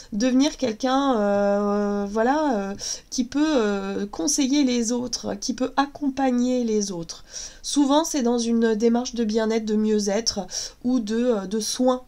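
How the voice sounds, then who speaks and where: Slightly high and mellow, the voice belongs to a woman in her thirties reading tarot cards while she has a cold. Her voice keeps cracking, and she talks in a chatty, hesitant way, heavy on fillers.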